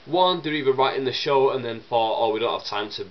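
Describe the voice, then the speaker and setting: A young man with a chesty cold coughs and sniffles while answering viewer questions in a casual vlog. His medium-pitched voice has lively intonation and runs a little fast, rambling chattily with many fillers and restarts. The audio sounds dull.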